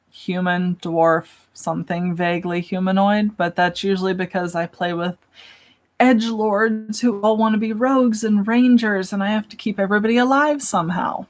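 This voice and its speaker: A young woman hosting a casual livestream, chatting and answering questions from chat in a self-deprecating way. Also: medium pitch.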